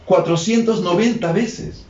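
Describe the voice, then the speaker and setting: A man with a high voice preaches a sermon in an echoing room. He explains scripture patiently and repeats key phrases to his listeners. The recording sounds somewhat dull and lo-fi. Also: a little slow, a little mellow.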